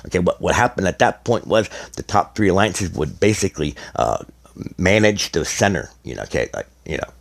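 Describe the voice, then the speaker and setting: A middle-aged man, slightly hoarse, explaining a strategy game in a rambling, casual way as a gaming content creator. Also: low-pitched. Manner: rambling, many restarts and fillers. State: slightly hoarse, losing his voice.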